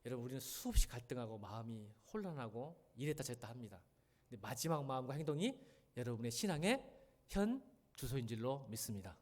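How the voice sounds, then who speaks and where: A man's voice: mid-range voice, fast talker. A middle-aged man preaching as a pastor, questioning the congregation and urging them to listen closely. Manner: animated, questions and addresses the congregation. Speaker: senior pastor. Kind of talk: sermon at a midweek church service. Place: church.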